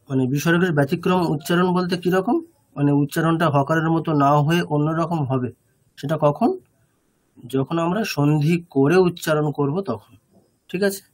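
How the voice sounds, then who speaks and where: A male teacher speaks over a video call in a somewhat high voice. He explains slowly and patiently, repeats his points, and keeps checking whether his students follow. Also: a little mellow. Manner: patient, repetitive, often checks understanding. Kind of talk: online class lecture.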